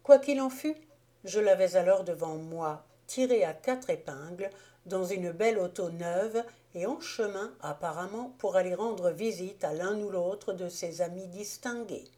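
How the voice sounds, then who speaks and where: A woman narrating an audiobook novel in a measured, even storytelling manner. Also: on the low side. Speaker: audiobook reader. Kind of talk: scripted narration.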